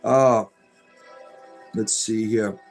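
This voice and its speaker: A gravelly-voiced livestream host from Florida rambles in a steady tone over low background music, reading viewer comments in casual chat. His delivery is drawn out like a narrator's, full of fillers and restarts.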